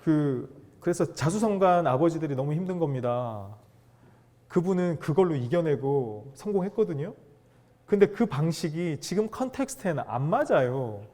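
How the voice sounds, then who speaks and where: Animated male lecturer with lively pitch. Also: moderate pace. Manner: animated, acts out dialogue, asks audience questions. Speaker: seminar lecturer on fatherhood. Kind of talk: lively lecture to an audience of fathers.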